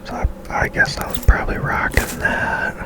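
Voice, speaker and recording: In unhurried ASMR-style game commentary, a creator of gaming ASMR videos speaks in a soft, breathy whisper. They sound tentative, as if thinking aloud to themselves.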